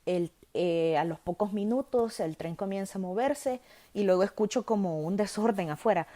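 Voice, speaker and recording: Salvadoran woman host, lively storyteller, warm low-key timbre. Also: normal speed. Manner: animated, lively retelling with self-corrections. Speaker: podcast host. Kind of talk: personal storytelling.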